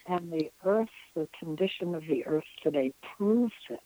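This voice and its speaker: A woman in her nineties, a spiritual counselor being interviewed, telling an experience in an earnest, reflective way with frequent pauses. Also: fairly low pitch, animated, mellow, no echo, low-quality recording. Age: 90s.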